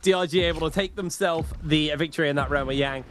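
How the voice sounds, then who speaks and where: A man's voice: fairly high pitch, quick pace, over music. A man giving live esports commentary in a conversational, rambling play-by-play style. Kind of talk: live gaming commentary with casual chat.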